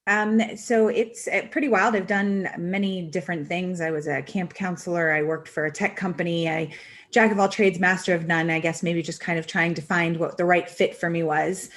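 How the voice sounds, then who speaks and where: A woman's voice: lowish voice, steady tone, normal speed, fairly bright tone. A young adult woman, a travel advisor, answering interview questions in a casual, chatty way.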